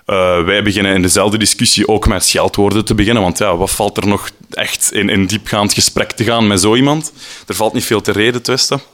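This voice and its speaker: A man with a Flemish accent telling a personal anecdote in a lively way, acting out the people in it. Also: fairly low pitch, a little fast. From Flanders. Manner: lively, acts out the people in his story. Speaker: storyteller.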